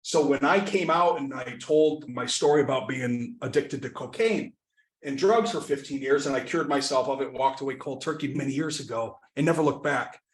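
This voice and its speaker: A man's voice: medium pitch, moderate pace. A man talking earnestly as a podcast guest, telling personal stories in a casual conversation. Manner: earnest, animated storytelling. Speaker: podcast guest, business founder. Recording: echoey room.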